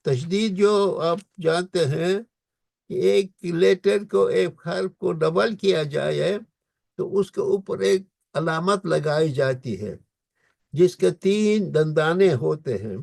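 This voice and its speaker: A man teaching Quran recitation in a lecture, explaining pronunciation and drawing out the verses slowly. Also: high voice, gravelly, a little mellow, no echo, studio quality.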